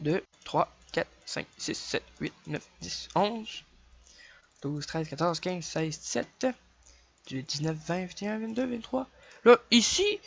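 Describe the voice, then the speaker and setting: A man's voice: high-pitched, gravelly, fairly bright tone. Québécois guy narrating a lo-fi game tutorial. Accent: Québécois French. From Quebec. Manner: chatty, counts clicks aloud, quick apologies. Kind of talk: casual screen-recorded game tutorial. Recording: dull lo-fi dry home mic.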